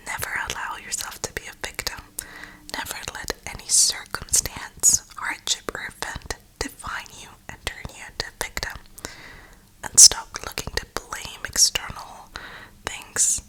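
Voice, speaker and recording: An ASMR creator and gamer whispers softly and breathily close to the microphone, offering an earnest, reflective, motivational ramble. The audio quality is poor.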